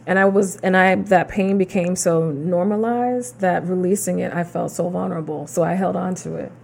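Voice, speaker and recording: Woman podcast co-host, lower voice, reflective and encouraging. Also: fairly even intonation, normal speed, gravelly, a little mellow, a little hiss or hum. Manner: reflective and encouraging, affirming with mm-hmms. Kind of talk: casual chat.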